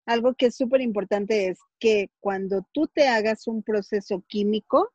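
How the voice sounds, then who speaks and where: Lively Mexican woman, dull dry recording. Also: medium pitch, normal speed, breathy edge, no room sound. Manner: lively, animated storytelling with acted-out quotes. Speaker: hair stylist guest. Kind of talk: casual interview chat.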